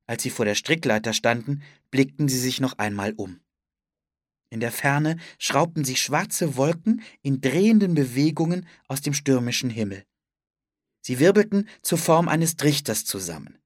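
A narrator reading a children's adventure story aloud in a lively, expressive manner. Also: medium pitch, moderate pace, no echo, studio quality. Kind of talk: scripted audiobook narration for children.

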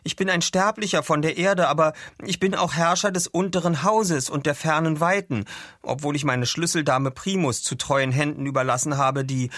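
A man's voice: fairly high pitch, normal speed, hardly any pauses, a bit bright, dry recording, clean studio sound, pitched above the performer's own voice, natural voice. A man reading aloud and voicing an earnest, polite boy who sounds unsure of himself.

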